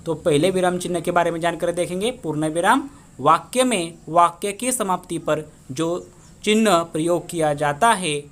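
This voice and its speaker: A man's voice: a little high, a bit bright. A male school teacher, giving an online grammar lesson and often prompting students to look and listen. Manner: slow, repetitive teaching with frequent "देखो" prompts.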